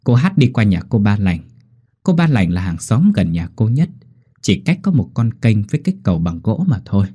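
A male storyteller, narrating a script with animated, expressive delivery. His voice is low and mellow, with a husky texture and lively pitch. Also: moderate pace.

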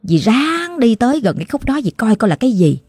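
A woman's voice: a little high, very animated, a little fast, a little mellow, husky, no echo, clean studio sound. A woman with a Southern Vietnamese accent narrating a ghost story in a chatty, colloquial, exclamatory way.

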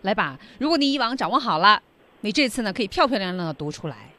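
A woman's voice: mid-range voice, very animated, fast, bright, forceful tone. A woman hosting a radio English lesson, encouraging listeners and stressing the key points. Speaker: radio program host.

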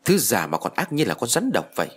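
An enraged young village mother in a spoken horror story, voiced by the man narrating, hurling threats in a husky, lively voice. She shouts fast and hard. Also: mid-range voice. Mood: furious. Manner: yelling, threatening.

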